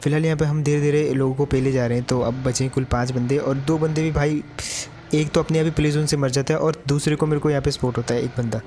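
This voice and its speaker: A man's voice: fairly high pitch, fairly even intonation, fast, mellow, faint music behind. A man giving casual commentary over a mobile game match, chatty and addressing his viewers as brother.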